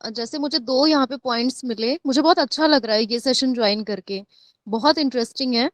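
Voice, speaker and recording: A woman's voice: a little high, fairly quick, dry recording. A woman taking part in an online class, sharing her points at length and switching between Hindi and English. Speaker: participant.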